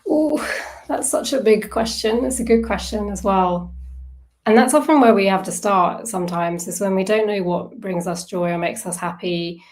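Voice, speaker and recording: Leading a casual online workshop about self-soothing, this woman talks in a conversational way, thinking out loud and asking her audience questions. She has a mid-range, slightly mellow voice and keeps a moderate pace.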